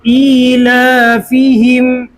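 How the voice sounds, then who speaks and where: A man teaching Quran recitation, chanting each verse slowly and pausing to correct pronunciation. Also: extremely high pitch, completely flat delivery, soft background music, poor audio. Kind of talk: call-and-response recitation lesson.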